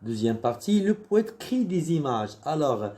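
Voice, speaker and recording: A man's voice: fairly high pitch, big pitch swings, a little slow, dark tone. A man with a Moroccan French accent, teaching a primary school lesson. He explains step by step, often repeating words and restarting his sentences. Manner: patient, explains step by step with examples.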